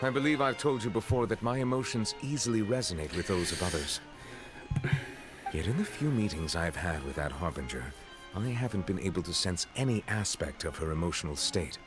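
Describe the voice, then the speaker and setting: A reserved chief judge from a video game. His voice is very deep, and he speaks in a stately, formal way, weighing each word. Soft game music plays beneath him. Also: expressive, a little fast. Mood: grave. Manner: stately, formal, carefully worded.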